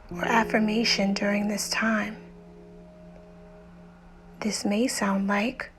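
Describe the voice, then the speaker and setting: A woman with a voice on the high side narrates a guided meditation over music, soothing and unhurried. She pauses deliberately and lets her phrases end softly and breathily.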